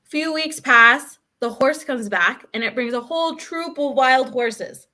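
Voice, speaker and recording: Bright, animated woman. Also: high voice, measured pace. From Canada. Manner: animated, chatty, full of "like" and "right?". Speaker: guest, author. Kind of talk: casual conversational storytelling.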